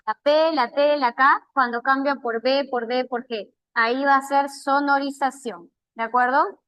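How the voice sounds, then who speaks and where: A female teacher with a Peruvian Spanish accent walks students through examples in a high, bright-toned voice. She takes her time and repeats the key words slowly. The sound is dry and close. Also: steady tone, no room sound, low-quality recording. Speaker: language teacher. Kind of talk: online class feedback.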